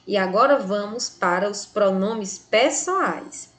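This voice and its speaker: A Brazilian woman teaching a recorded grammar lesson, speaking slowly and clearly and stretching the example words to stress them. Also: medium pitch, a bit bright. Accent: Brazilian Portuguese.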